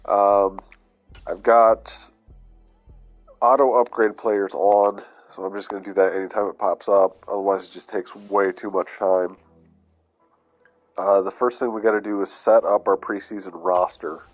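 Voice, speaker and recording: This gaming YouTuber sounds stuffy and under the weather, delivering laid-back, casual gameplay commentary. His voice is lowish and steady, his pace measured, and he thinks aloud with fillers while faint music plays behind him.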